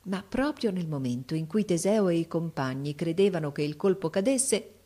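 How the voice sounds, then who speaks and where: Woman reading a storybook out loud, kinda low voice, steady and expressive. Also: normal speed. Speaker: narrator. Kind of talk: storybook narration.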